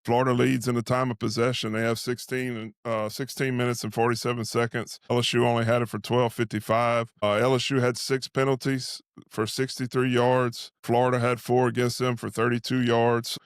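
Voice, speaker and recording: Talking a little fast with hardly any pauses, a male sports host and analyst delivers flat, medium-pitched halftime football chat as if he were one of the team's fans, using "we". The recording is dry and studio quality.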